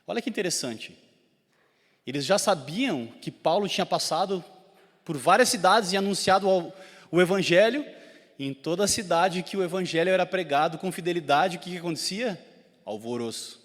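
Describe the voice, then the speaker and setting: A man's voice: sits high, animated, moderate pace. A man with a Gaúcho Brazilian accent preaching a sermon as pastor, swelling in intensity and putting questions to the congregation. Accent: Gaúcho Brazilian Portuguese. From southern Brazil (Rio Grande do Sul). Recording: long church hall reverb.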